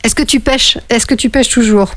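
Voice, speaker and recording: A middle-aged woman chats as a radio host, her voice sitting a little high. She talks in a loose, rambling way with frequent restarts. The studio sound is dry and close. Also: moderate pace, dry recording. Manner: chatty, laughing, many restarts. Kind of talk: casual phone conversation on radio.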